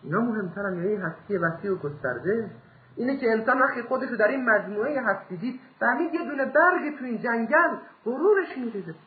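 A man giving a religious lecture, telling stories with lively acted dialogue and reciting scripture. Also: very high-pitched. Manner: animated storytelling, acts out the characters. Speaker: cleric lecturer. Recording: echoey, phone-like lo-fi archive recording.

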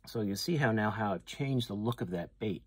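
In an indoor space lined with walls of packaged lures, perhaps a tackle shop, a fishing-channel host talks through a hands-on demo. His lowish, husky voice is animated and brisk, riddled with fillers and restarts, and the recording has no room sound.

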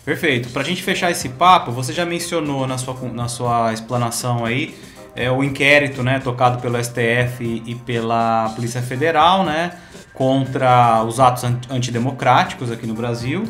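A man in his forties, interviewing in a studio, who asks measured, wrap-up questions and often affirms the guest. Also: medium pitch, fairly bright tone, soft background music. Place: studio with acoustic foam panels. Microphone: studio condenser mic.

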